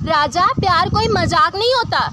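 A woman's voice: very high-pitched, moderate pace, heavy background noise. A woman acting in short comedy skits, with a playful, teasing delivery. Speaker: comedy sketch performer. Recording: loud music under voice.

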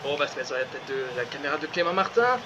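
A man commentating his own football video game career live, excitable, breaking into shouts and laughter before calming himself down. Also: fairly high pitch, quick pace. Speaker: gaming channel host. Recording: muffled lo-fi sound with steady background noise.

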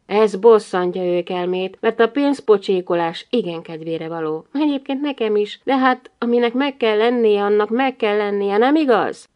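A woman narrating a humorous novel in the first person, with a wry, lively delivery. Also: mid-range voice, few pauses, lo-fi sound. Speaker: audiobook narrator.

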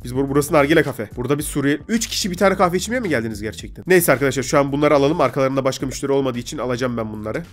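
A man's voice: mid-range voice, rapid-fire, hardly any pauses, faint music behind. A man with a stuffy nose from a cold, hosting a casual let's-play and chattily bossing the game's customers around. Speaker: gaming video host.

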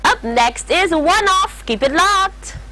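A young woman presenting a scripted televised lottery draw, announcing numbers in a formal, measured way. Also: very high-pitched, expressive, sharp tone. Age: young adult. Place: TV studio. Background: faint music.

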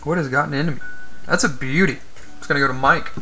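A man's voice: on the high side, fast, pushed and bright, faint music behind. A man hosting a live stream, reading player names off cards as he opens them and chatting with viewers in between. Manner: reads names aloud, chats with viewers, jokes about yawning. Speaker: card break host. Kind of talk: live-stream commentary while opening cards.

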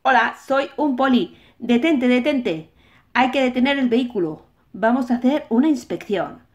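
A woman's voice: fairly high pitch, expressive, moderate pace, lightly acted. A woman with a Spain accent voicing a friendly, bossy toy policeman for children, chatty and sing-song. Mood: chatty, proud. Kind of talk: toy play-acting for children.

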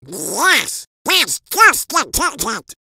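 A performer voicing an excitable, scheming male cartoon duck with a squawky duck voice in a comic dub. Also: high voice, extremely slow, gravelly, breathy edge, no echo, studio quality, full character voice. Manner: excitable, loudly exclaiming.

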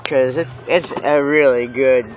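A man vlogging playfully while driving a golf cart outdoors, goofy and excitable, with whoops and laughs. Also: medium pitch, unhurried. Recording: dull lo-fi sound with cart noise.

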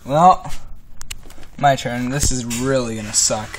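A man's voice: mid-range voice, steady tone, measured pace. A teenage boy chatting casually and bossily laying down the rules on a homemade challenge video. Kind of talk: casual chat during a candy challenge video. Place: wooden-floored room at home, indoors. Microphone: handheld phone or camera. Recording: noisy handheld home phone recording with clicks.

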